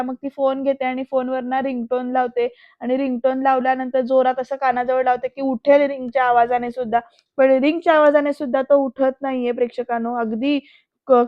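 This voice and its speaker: High-voiced woman retelling an episode. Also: dry recording, lo-fi sound. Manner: chatty, addresses viewers directly. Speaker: serial episode reviewer.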